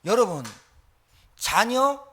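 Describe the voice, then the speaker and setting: A man's voice: very high-pitched, drawn-out words. A middle-aged male pastor giving an emphatic sermon with the odd joke. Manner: animated, emphatic preaching with jokes.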